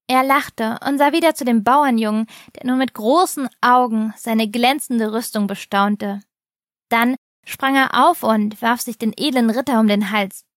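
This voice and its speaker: Slow, calm woman reading a storybook. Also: fairly high pitch, no echo, clean studio sound. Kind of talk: reading a children's advent story.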